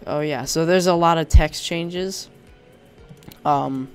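With faint music behind him, a young man talks slowly in a voice on the high side. He's a Minecraft YouTuber nursing a sore throat, casually demonstrating a resource pack and rambling hesitantly through lots of ums and restarts.

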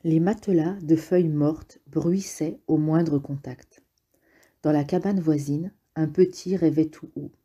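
A woman narrating an audiobook in a calm, measured, steady reading style. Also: sits low, husky. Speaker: audiobook reader.

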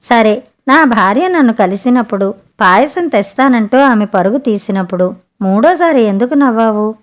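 A woman's voice: fairly high pitch, expressive, moderate pace, natural voice. A woman voicing a blunt, impatient grown fisherman in a spoken storybook, who keeps demanding answers. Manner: demanding, questioning.

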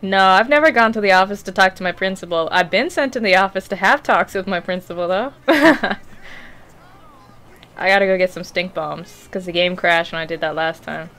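In a small home room, a young gaming streamer offers casual let's play commentary through a headset mic as she plays. Her medium-pitched voice is a bit bright and moves at normal speed. She rambles chattily, loses focus easily, and laughs or swears from time to time.

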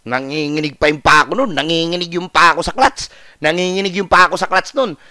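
Man, high voice, bright sound, lively casual vlog storytelling, repeats and acts out the dialogue. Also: a little fast, dry recording, clean studio sound. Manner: animated, acts out dialogue with repetition. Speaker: vlogger.

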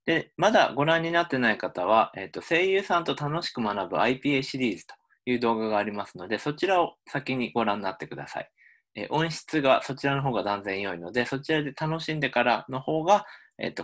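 A man's voice: mid-range voice, lively intonation, quick pace, a bit bright. A man, a university linguistics lecturer, explaining in a recorded lecture with frequent um fillers.

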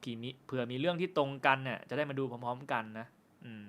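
A man hosting a film review channel, chatting casually with viewers on a live stream. He jokes, swears freely, and says he stumbles and stutters when he talks fast. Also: mid-range voice, fairly bright tone. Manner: loose and joking, with frequent swearing.

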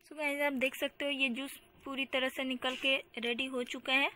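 Woman, vlog host, high chatty tutorial voice-over. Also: flat delivery, moderate pace, pushed and bright, a little hiss or hum. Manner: chatty, repeats "so guys". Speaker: beauty channel host.

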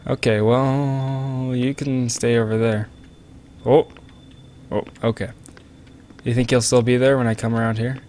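A man's voice: medium pitch, little pitch movement, a little slow, a little mellow, slight background noise. A man casually commentating a game on a close microphone, joking and rambling at viewers. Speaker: let's play commentator. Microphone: close desk microphone.

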